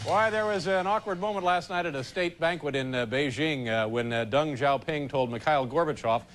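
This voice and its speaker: A man hosting a late-night talk show, telling jokes in a wry, halting way with deadpan punchlines. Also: fairly high pitch, music in the background. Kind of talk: comic monologue and stunt banter. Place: TV studio and building hallways. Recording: broadcast with loud studio audience and background noise.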